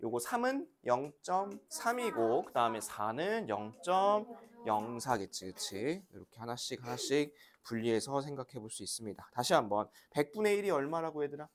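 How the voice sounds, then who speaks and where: A woman's voice: rumbling low, very animated, normal speed. A teacher leads a class of young children through a math lesson, her voice rising and falling a great deal as she asks questions and waits for answers. She sounds like a woman speaking in a classroom, patient and coaxing as she has the children repeat after her. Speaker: elementary school teacher.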